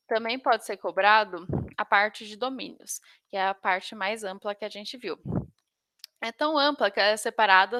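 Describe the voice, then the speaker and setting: A Brazilian woman with a bright, fairly high voice gives an informal lesson as a teacher. She has a slight lisp and trips over technical words. The sound is close and dry. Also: dry recording. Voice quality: slight lisp, tongue-tied. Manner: stumbles over technical terms. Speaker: biology teacher. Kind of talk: informal lesson for exam students.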